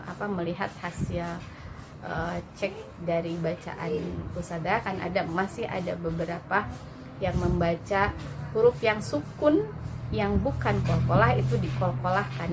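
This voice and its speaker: A woman teaching Quran recitation in a relaxed, informal lesson, explaining slowly with many fillers and sounding out syllables for her students. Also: on the low side. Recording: noisy background hiss.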